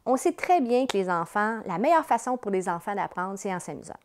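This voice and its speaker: A woman's voice: medium pitch, very animated, a little fast. A woman with a Quebec accent enthusiastically explaining her children's show in a promotional interview. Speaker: children's entertainer, company president.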